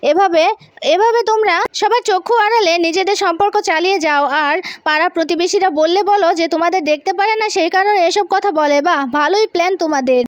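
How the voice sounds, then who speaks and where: A woman retelling a TV serial episode in a fast, animated storytelling manner, reading every character's lines in her own voice. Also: very high-pitched, no room sound, studio quality. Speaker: serial synopsis narrator.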